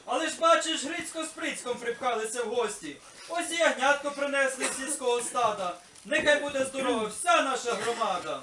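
A man's voice: extremely high pitch, animated, a little fast, few pauses. A man voicing a simple, merry shepherd puppet in a folk vertep nativity play, declaiming rustic rhymes in a puppet voice. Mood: rustic, jovial. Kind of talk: vertep puppet theatre acting. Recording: echoey far-off hall recording, faint noise.

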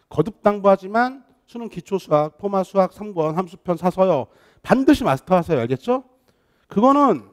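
A man runs an online math lesson in a lively, coaxing way, frequently asking if students are keeping up and switching between polite and casual speech. His voice sits a little high.

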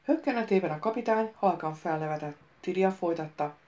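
A woman narrating an audiobook in a measured storytelling manner. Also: lowish voice, mellow, highs cut off.

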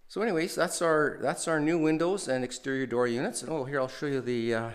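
Here a mid-range, brisk-sounding man hosts a renovation video, wandering through an empty house. His casual narration is full of fillers and false starts.

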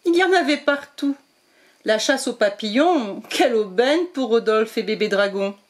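A woman storyteller reading a children's picture book aloud, with slow, expressive narration. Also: on the high side.

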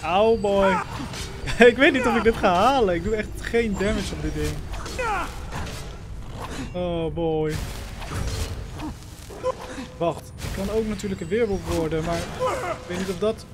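A man giving playful, excitable let's-play commentary, talking to his in-game companion. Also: high voice, a little slow, pauses often, very noisy. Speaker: gaming channel host.

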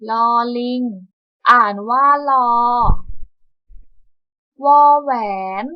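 Slow, high-voiced woman teacher reciting letters. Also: fairly even intonation, no echo, muffled recording. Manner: measured, repeats each item in a call-and-response pattern. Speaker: primary school teacher. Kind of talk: slow drilled alphabet recitation for young children.

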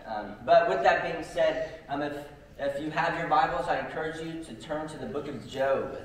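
A man's voice: a little high, moderate pace. A young man preaching a casual sermon, telling stories with many ums and likes. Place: church sanctuary. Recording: very echoey church hall, distant mic.

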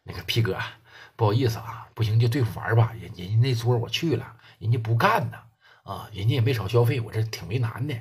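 A man with a Northeastern Mandarin accent voicing an apologetic male nightclub manager who pleads in a low, placating way. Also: expressive, fast talker, breathy edge. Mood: pleading.

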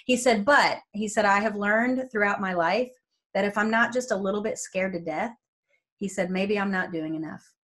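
Animated woman telling family stories on a video call. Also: mid-range voice, moderate pace. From New Jersey. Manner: animated storyteller who acts out quoted family members. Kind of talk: casual faith interview. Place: home room with lamp, video call.

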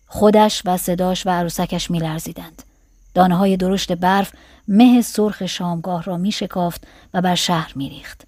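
Female narrator, calm measured audiobook reading, dry studio sound. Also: mid-range voice, no echo.

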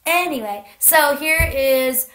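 A young woman with hiccups chatting excitedly through a music video reaction, full of fillers and restarts. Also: high voice, slow pace. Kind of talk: casual reaction vlog. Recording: echoey room with music playing.

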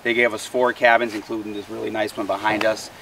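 A man's voice: on the low side, little pitch movement, fast, sharp tone. A man hosting a fishing tournament, giving an upbeat introduction to camera outdoors on a lakeshore. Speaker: tournament host. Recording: distant outdoor voice, faint noise.

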